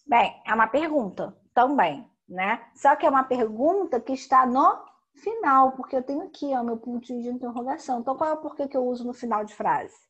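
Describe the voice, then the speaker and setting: A woman teacher giving a recorded grammar lesson, explaining slowly and emphatically with frequent tag questions. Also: high voice, lively intonation, slightly rough, highs cut off.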